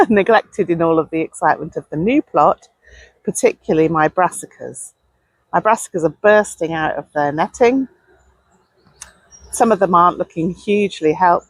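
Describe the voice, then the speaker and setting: Woman, low pitch, slightly rough voice, chatty gardening vlog, open air. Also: darkish tone, no room sound, poor audio. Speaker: allotment gardening vlogger. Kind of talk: casual, chatty outdoor video diary. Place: outdoors on an allotment.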